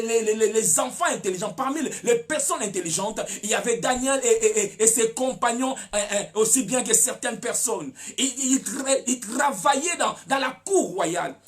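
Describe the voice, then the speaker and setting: Pasteur prêcheur à la voix très animée. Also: male voice, very high voice. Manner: preaching with shouted peaks and many repeated words. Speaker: pastor. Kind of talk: sermon.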